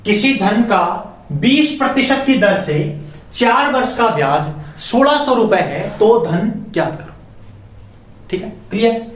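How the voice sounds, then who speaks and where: A man's voice: sits high, lively intonation, measured pace. A man teaching a maths lesson, putting questions to the class and then answering them himself. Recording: echoey room, voice from far off.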